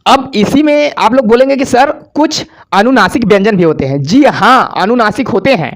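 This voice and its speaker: A man's voice: extremely high pitch, animated, normal speed. A male teacher giving a grammar lesson for exam preparation, asking questions and answering them himself, and having students repeat sounds after him.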